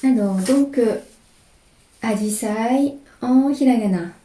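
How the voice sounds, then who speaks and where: Woman slowly walking thru brush strokes, soft mellow voice, echoey room. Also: a little high. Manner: slow, calm, describing each stroke as she writes. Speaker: calligraphy teacher. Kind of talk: step-by-step brush lesson.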